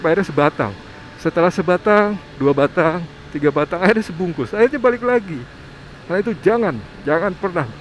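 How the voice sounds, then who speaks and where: A man's voice: medium pitch, a little hiss or hum, low-quality recording. A middle-aged man gives casual advice in a chatty vlog and keeps asking himself rhetorical questions. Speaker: vlogger.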